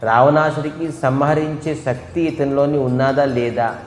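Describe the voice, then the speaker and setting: A man's voice: mid-range voice, steady tone, unhurried. A man preaching a devotional storytelling sermon, asking and answering his own questions and imitating animal calls. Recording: echoey hall with faint music.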